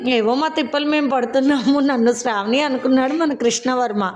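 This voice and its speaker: A woman's voice: sits high, fairly quick, darkish tone, dull audio, lightly acted. A woman voicing a teasing grown man in a family story, speaking in a playful, laughing tone. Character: grown man, teasing joking brother-in-law.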